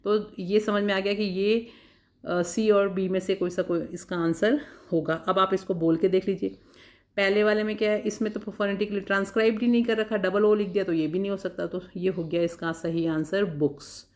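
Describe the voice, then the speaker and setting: A woman teacher giving an exam-prep lesson. She sounds out words one by one, repeats them, and reads questions out very slowly. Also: mid-range voice, fairly even intonation, darkish tone.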